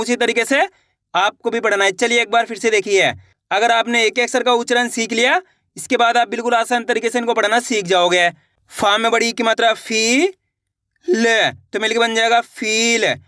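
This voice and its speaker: A man teaching children to read, sounding out syllables slowly and asking the learners questions to keep them along. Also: pushed and bright, no room sound, clean studio sound. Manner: slow syllable-by-syllable reading, then repeats the word lower; encouraging, asks learners questions. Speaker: Hindi reading teacher. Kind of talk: online reading lesson.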